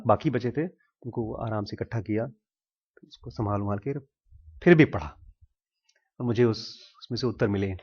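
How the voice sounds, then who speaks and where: A man giving a casual teaching talk to a small group, telling a story with pauses, questions to his listeners and frequent throat clearing. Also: mid-range voice. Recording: dull lo-fi recording.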